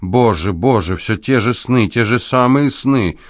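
A man's voice: medium pitch, animated, a little slow, no room sound, clean studio sound, voice pushed up. A man voicing a fussy, fearful old man who whines and frets. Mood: wailing. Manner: whining, plaintive, agitated.

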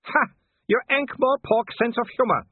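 A man's voice: extremely high pitch, normal speed, husky, dry recording, voice pushed up. A man voicing a gleeful, taunting young male werewolf in an audiobook reading, with a sing-song mocking manner. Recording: tinny phone-like audio.

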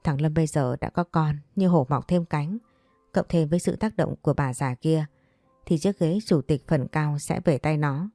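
A woman's voice: low-pitched, moderate pace, mellow, no room sound, soft background music. A woman voicing a stern, scheming middle-aged mother who scolds her son bluntly. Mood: scolding.

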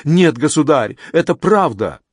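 A man's voice: a little high, sing-song, a little slow, husky, dry recording, clean studio sound, pitched above the performer's own voice, full character voice. A man voicing a fanatical, humble Essene preacher who pleads and insists with fervor. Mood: fervent. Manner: pleading, rising to ecstatic insistence. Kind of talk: audiobook character reading.

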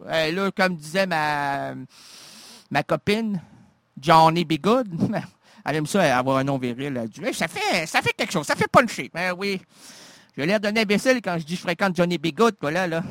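High-voiced Québécois man rambling on radio. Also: very animated, moderate pace, a bit bright, dry recording, clean studio sound. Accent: Québécois French. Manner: playful, absurd, stammering restarts. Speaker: radio host. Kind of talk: rambling comic radio monologue. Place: radio studio.

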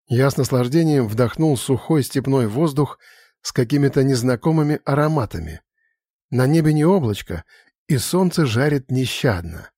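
A man narrating a first-person fantasy audiobook in a steady, conversational storytelling manner. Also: medium pitch, slightly rough, no room sound, studio quality.

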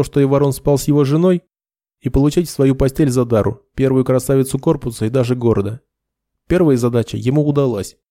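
A man's voice: medium pitch, dark tone, no echo, clean studio sound, close to an everyday voice. A man voicing a cool, blunt young sergeant who speaks in a cold, accusing way.

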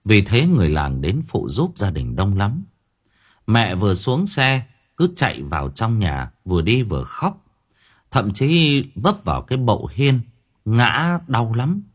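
Male audiobook narrator, low and husky, lively intonation across a spooky story. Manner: expressive, measured storytelling. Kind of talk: first-person horror story narration.

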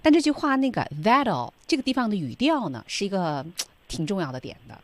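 A woman's voice: medium pitch, sing-song, brisk, dry recording. A woman co-hosting a radio language lesson, guiding listeners with friendly reminders. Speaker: co-host.

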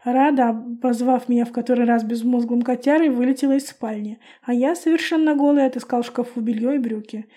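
A woman calmly narrating a first-person audiobook. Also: a little high, brisk, hardly any pauses.

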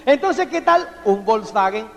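A man's voice: high-pitched, big pitch swings, measured pace, creaky, a little hiss or hum. A man giving a motivational seminar talk, constantly checking that listeners follow him. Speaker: motivational speaker. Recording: long hall reverb.

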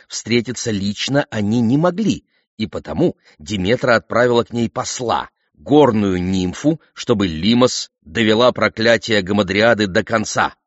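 A man narrating an audiobook in a lively, theatrical storytelling manner. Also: fairly low pitch, no room sound. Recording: slightly dull, dry recording.

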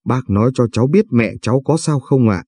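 A man's voice: medium pitch, animated, fairly quick, mellow, breathy edge, no room sound. A man voicing a distraught young woman pleading tearfully at her mother's sickbed.

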